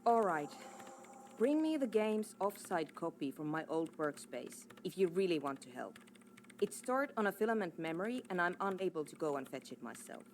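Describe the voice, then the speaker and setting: An actress playing a proud, exasperated programmer in a video game, curt, insistent and defensive. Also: female voice, lowish voice, big pitch swings, moderate pace, a little hiss or hum. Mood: guarded, brusque. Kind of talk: scripted video game dialogue.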